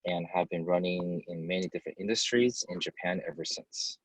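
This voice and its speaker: A man who grew up in the United States answers interview questions as a company head. His voice is very low, his delivery loose and chatty with fillers. The sound is dry and close. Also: a little fast, no room sound, low-quality recording. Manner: conversational, many fillers and restarts. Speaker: company CEO, guest. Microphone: video call.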